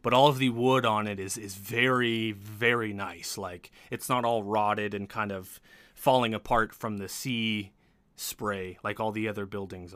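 Brief: bright, dry-sounding guy running a tabletop game. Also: on the low side, no echo. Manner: descriptive, casual fillers. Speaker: game master.

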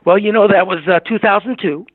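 A seventy-year-old man speaks on a thin, phone-like remote line. His voice sits high for a man and sounds very dry. He tells his story graciously and chattily, with a few hesitations. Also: fairly even intonation, a little fast, slightly rough, no echo. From Puerto Rico, raised in Southern California. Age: 70s. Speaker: guest, agency CEO. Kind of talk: conversational interview.

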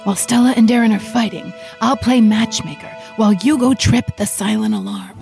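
A woman playing a clever, exasperated detective's sidekick in a comedic radio play, brisk and sardonic. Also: fairly high pitch, gravelly, darkish tone, soft background music.

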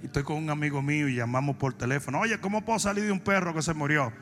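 A Dominican man preaching, telling comic stories and breaking into long shouted cries. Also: a little high, soft background music. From Dominican Republic. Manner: shifts from shouted, drawn-out preaching to fast, joking anecdotes. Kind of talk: comic sermon storytelling.

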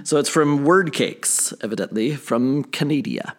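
A man's voice: medium pitch, animated, a little slow. A man co-hosting a casual podcast, playful and joking, reading out a listener review. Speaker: podcast co-host.

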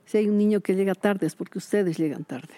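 A woman, a retired teacher chatting in an interview and telling lively stories. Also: medium pitch, brisk, no room sound. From Bolivia. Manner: lively storyteller, acts out quoted voices, laughs often. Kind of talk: casual interview chat.

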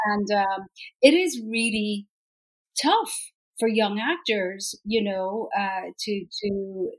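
A woman's voice: mid-range voice, low-quality recording. Middle-aged irish lady chatting as a guest, lots of ums, laughs a lot. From Ireland. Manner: chatty, laughs easily, frequent fillers. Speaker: actress guest. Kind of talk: casual interview chat.

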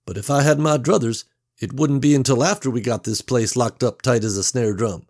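A man voicing a big, brash male plant worker who talks in a gruff, folksy way. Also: medium pitch, a little fast, darkish tone, voice pushed up, close to an everyday voice. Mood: cocky.

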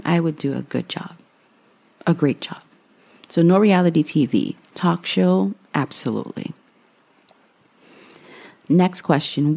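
A woman's voice: low-pitched, gravelly, dark tone. A woman in her thirties from Guyana, answering questions in a casual vlog with a reflective, dry sense of humor. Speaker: vlogger.

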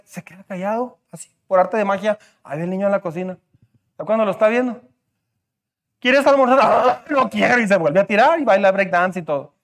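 Man, pastor, high voice, emphatic sermon, rhetorical questions.

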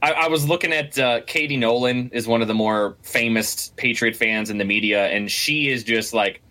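A man co-hosting a casual sports podcast, talking in an animated, rambling way with lots of restarts and the odd curse. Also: mid-range voice, normal speed. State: has the hiccups. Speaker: podcast co-host.

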